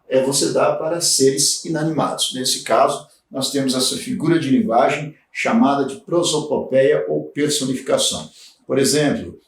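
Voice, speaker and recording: Guy lecturing, slow and careful, lots of little pauses, roomy echo, mic a bit far off. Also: fairly high pitch. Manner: slow, deliberate explaining with frequent "né" and pauses. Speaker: teacher. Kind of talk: recorded grammar lecture. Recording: echoey room, voice off-mic.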